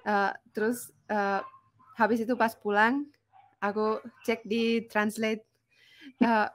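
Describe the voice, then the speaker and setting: A woman's voice: fairly high pitch, little pitch movement, takes it slowly. A woman from Finland, a native Finnish speaker, chatting casually as a foreigner speaking fluent, colloquial Indonesian. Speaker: interview guest. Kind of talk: casual chat in a learned language.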